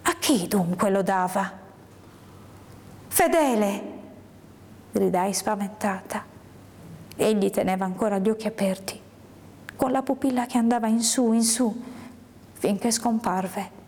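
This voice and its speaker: Woman reading a story slow and hushed, slips into whispers, long echo on it like a big hall. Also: medium pitch, fairly even intonation. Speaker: reader of a literary story. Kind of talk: first-person literary narration.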